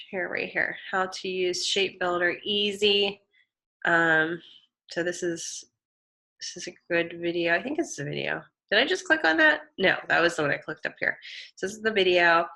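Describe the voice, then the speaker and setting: With a fairly low, creaky voice and a sharp tone, a woman speaks a little slowly as she teaches a live online design lecture with a screen demo. A head cold makes her sound nasal and sniffly. Her manner is casual and talkative, with many fillers, restarts and self-corrections.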